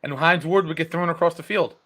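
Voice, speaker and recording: Animated guy on a football podcast, acts out players, bright voice. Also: a little high, quick pace. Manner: animated, acts out players' lines, repeats words. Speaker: podcast co-host. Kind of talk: casual sports chat.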